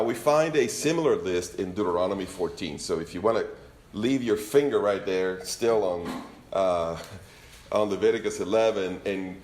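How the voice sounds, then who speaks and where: In a reverberant hall, a Venezuelan preacher with a Spanish accent and a low, slightly mellow voice gives informal scripture teaching. His manner with the congregation is conversational and joking.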